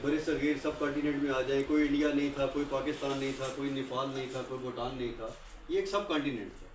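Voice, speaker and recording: In an echoey room with the microphone set far back, a guest speaker with a mid-range voice and steady tone addresses trainees. His talk is impassioned, full of rhetorical questions he answers himself and plenty of repetition, with slight background noise.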